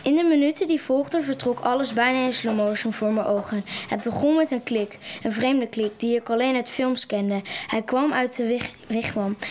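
Woman reading a book out loud, higher voice, trips over words, bit of hiss. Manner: stumbling reading with restarts. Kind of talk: reading a book passage aloud.

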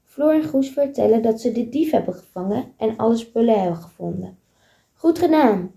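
A woman's voice: on the high side, expressive, brisk, creaky, mellow. A woman reading aloud a simple story with careful, plain delivery.

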